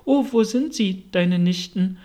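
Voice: mid-range voice, measured pace, mellow, close to an everyday voice. A reader voicing Alice, an eager young girl. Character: curious polite young girl. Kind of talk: audiobook reading.

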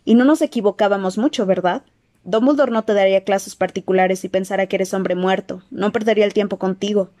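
Una mujer que lee un audiolibro y da voz a un muchacho mago franco y entusiasta. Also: female voice, medium pitch, steady tone, fairly quick, warm tone, lightly acted. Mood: eager. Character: teenage wizard boy, blunt and amused. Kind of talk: audiobook character voice.

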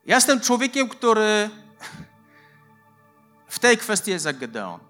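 A pastor delivers a sermon in a high, ringing, bright voice. He preaches emphatically and weaves personal anecdotes into his teaching, with faint music playing softly behind him. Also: sing-song, unhurried.

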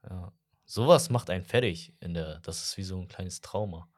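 A man's voice: sits low, normal speed, a little mellow. A young man co-hosting a podcast in casual chat, reflective and self-doubting, with a playful side. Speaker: podcast co-host.

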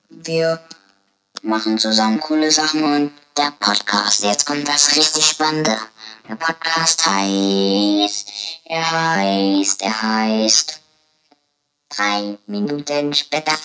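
A woman hosting a podcast in a disguised deep voice, talking in a playful, teasing way. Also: a bit bright, roomy sound, a little hiss or hum, full character voice, poor audio. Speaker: podcast host. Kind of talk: casual podcast announcement.

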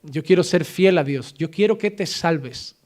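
A pastor giving a sermon, emphatic and insistent, driving points home through repetition. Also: male voice, fairly high pitch, a little slow, darkish tone.

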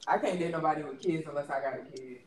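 Man co-host, high-pitched, rambling and laughing, roomy sound with light noise. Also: fast, far from the mic. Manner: laughs easily, rambling with many fillers. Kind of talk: casual chat.

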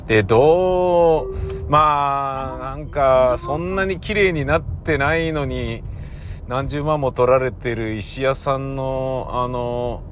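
A man's voice: takes it slowly, soft background music. A man hosting his own channel, rambling in a casual, self-mocking monologue from inside a car. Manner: rambling, self-mocking, lively pitch swings. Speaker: channel host.

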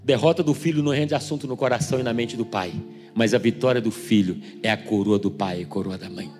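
A man's voice: medium pitch, a little mellow. A man with a Brazilian accent, a pastor preaching a sermon who acts out everyday scenes in changing voices, emphatic. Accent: Brazilian Portuguese.

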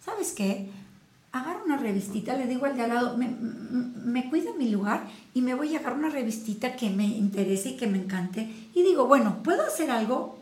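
A woman co-hosting a casual wellness chat, speaking in a calm, reflective way with everyday examples. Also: on the high side, a little fast. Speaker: podcast co-host. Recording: echoey room.

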